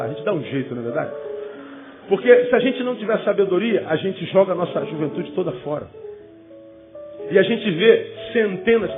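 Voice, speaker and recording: A man preaching a sermon to young people as a pastor, emphatic, with rhetorical questions and joking asides. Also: sits high. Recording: phone-like, with loud music.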